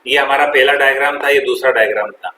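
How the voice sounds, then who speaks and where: A male chemistry teacher lectures fast in a bright, forceful, medium-pitched voice, firing questions at the class, echoing their answers, and calling them "beta." His voice rings through an echoey classroom over a faint hiss.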